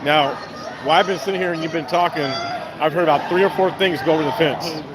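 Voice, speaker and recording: Guy interviewing at a protest, asks pointed questions, slightly high voice, crowd and noise blasting. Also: fast. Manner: probing questions, stumbles into them. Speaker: street interviewer. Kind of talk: street interview. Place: outdoor street protest. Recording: loud crowd and street noise.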